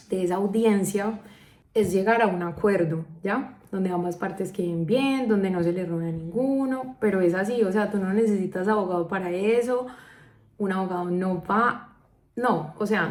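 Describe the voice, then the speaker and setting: Colombian woman vlogger, lively storyteller, mid-range voice, roomy echo. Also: mid-range voice. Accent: Colombian Spanish. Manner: animated, acts out quoted dialogue. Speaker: vlogger telling a personal story. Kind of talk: casual storytelling.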